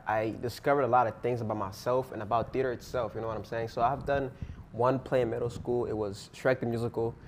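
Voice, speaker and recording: This is a medium-pitched male voice belonging to a teen who is a student actor being interviewed. English is not his first language, and his earnest, rambling answers lean on fillers. Slight background noise is audible.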